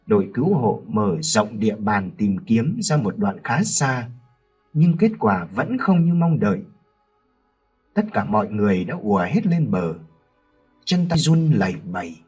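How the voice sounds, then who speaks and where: Man, horror story narrator, dramatic, lively pitch, faint music behind. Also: husky.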